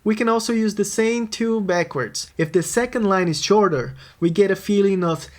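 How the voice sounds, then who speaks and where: A man's voice: high voice, moderate pace. A man, a music producer, narrating a scripted songwriting tutorial and answering his own questions. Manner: explanatory, posing and answering questions.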